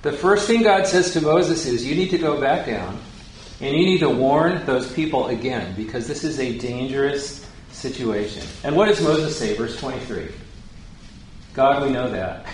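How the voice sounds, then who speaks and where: A man's voice: mid-range voice, expressive, normal speed, a little hiss or hum. A man teaching the Bible in a conversational way, putting questions to his listeners and paraphrasing scripture in casual words. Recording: very echoey room, faint ambience.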